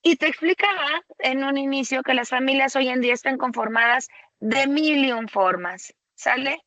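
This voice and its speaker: A woman presenting a webinar lecture for tutors, explaining slowly and conversationally and often checking in with a rhetorical "¿sale?". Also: sits high, sharp tone, no room sound, highs cut off.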